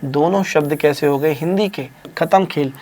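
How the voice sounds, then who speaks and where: A man with a high-pitched voice leads a live online exam quiz. He spells words out slowly and deliberately, then moves on with quick praise and teasing. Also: a little mellow. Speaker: Hindi exam teacher.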